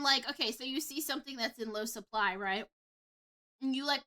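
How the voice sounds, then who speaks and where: A woman livestreamer giving casual, expressive, slangy reaction commentary. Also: high voice. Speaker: reaction streamer.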